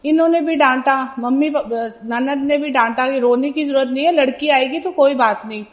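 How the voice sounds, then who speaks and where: Lady in her 40s, high voice, earnest testimony, muffled lo-fi sound. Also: normal speed. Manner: earnest storytelling, acting out quoted people. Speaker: devotee giving a testimony. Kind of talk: personal testimony at a religious gathering. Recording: dull lo-fi recording.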